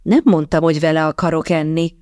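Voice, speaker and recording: A woman voicing a proud, quick-tongued young maid in an audiobook, answering in a pert, indignant way. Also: deep voice, level tone, darkish tone, no echo, studio quality, lightly acted.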